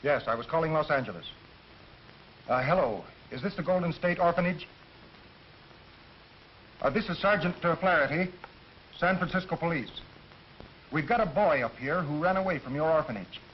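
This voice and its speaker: An actor playing a plain-spoken police sergeant talking on the phone. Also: male voice, a little high, normal speed, long pauses, a little hiss or hum, close to an everyday voice. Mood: businesslike. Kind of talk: 1940s film acting. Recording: dull old film soundtrack.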